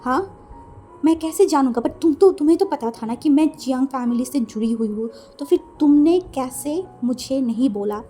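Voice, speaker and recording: A woman's voice: high voice, lively intonation, moderate pace, warm tone, soft background music. A woman voicing a flustered young man who sputters out indignant questions as he tells someone off.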